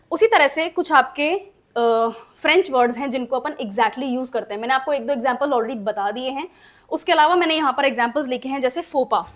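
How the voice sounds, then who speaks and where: High-voiced woman teaching vocabulary. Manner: explains step by step, spells words letter by letter, asks checking questions. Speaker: English teacher. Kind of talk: exam-prep vocabulary lesson.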